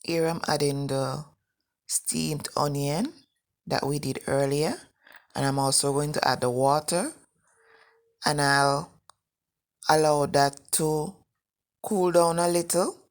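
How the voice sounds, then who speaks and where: A woman with a morning voice narrating a recipe step by step in a measured, instructing way as the host of a home cooking video. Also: deep voice, steady tone. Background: faint music.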